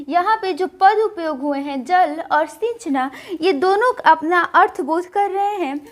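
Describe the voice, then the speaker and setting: A woman teaching a grammar lesson in explanatory classroom style, restating each point and slowing to spell out example sentences word by word. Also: very high voice.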